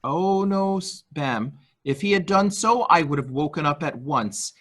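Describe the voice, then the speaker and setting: A fairly high, fairly bright man's voice, animated and a touch slow, brings to life a male nurse-attendant to a rich invalid in a murder mystery reading. The character is deferential and primly servile, speaking in a formal, hesitant, obsequious and nervously formal way.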